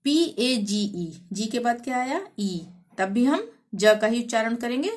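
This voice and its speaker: A woman's voice: a little high, expressive, a little slow. A woman teacher explaining pronunciation rules patiently, spelling out words letter by letter and repeating each rule. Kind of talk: language lesson.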